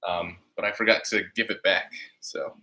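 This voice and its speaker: Slightly nasal man with a bright voice. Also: deep voice, fairly even intonation, rough recording. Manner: frequent throat clearing, halting. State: lingering cold symptoms. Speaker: channel host livestreaming to viewers. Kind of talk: casual livestream chat, answering comments.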